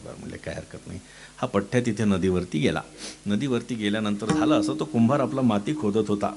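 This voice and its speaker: A middle-aged man preaching a storytelling sermon in Marathi style, acting out each character's lines with sudden jumps in pitch and clearing his throat now and then. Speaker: kirtan preacher.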